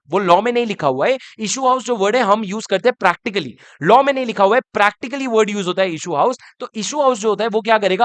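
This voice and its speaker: Male law tutor, high and crisp, close and dry, questions the class as he teaches. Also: a bit bright, no room sound. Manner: mixes Hindi with English terms, reads the law slowly, asks students questions. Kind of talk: exam revision lecture.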